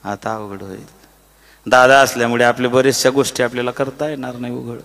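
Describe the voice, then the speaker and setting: A preacher as Krishna, calm and low-keyed. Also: male voice, fairly quick, close to an everyday voice. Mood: worried. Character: calm, shrewd divine adviser Krishna, adult man. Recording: reverberant hall.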